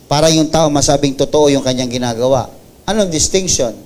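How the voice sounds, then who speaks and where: A man with a Filipino accent preaching a sermon, building to loud, high emphasis and then dropping soft and low, mixing English phrases into his preaching. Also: fairly quick, a little hiss or hum. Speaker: pastor. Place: church service.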